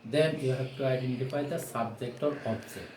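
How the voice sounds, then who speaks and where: At a whiteboard in a small, bare-walled room, a man in his forties whose first language isn't English delivers a grammar lesson, projecting carefully, repeating key phrases and asking rhetorical questions. His voice is medium-pitched and darkish, picked up by a camera or phone mic several steps off, so there's roomy echo and a little background noise.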